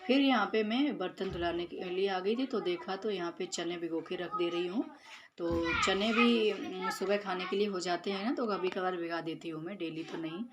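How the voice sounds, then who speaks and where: A woman's voice: fairly low pitch, normal speed, background noise. A woman in her thirties, a mother, chatting through a home cooking and chores vlog, explaining each step with many fillers. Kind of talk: casual voice-over narration of cooking and chores. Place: home kitchen.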